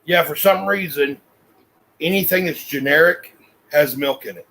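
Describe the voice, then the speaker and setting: A man's voice: fairly high pitch, normal speed, gravelly, sharp tone, low-quality recording. A man, chatting casually and folksily as a family vlog host. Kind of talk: casual chat.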